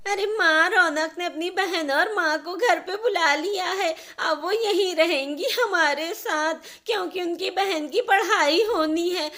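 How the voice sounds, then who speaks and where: A woman voicing a quarrelsome young married sister-in-law who scolds loudly in a shrill voice. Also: unhurried, hardly any pauses, full character voice. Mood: complaining.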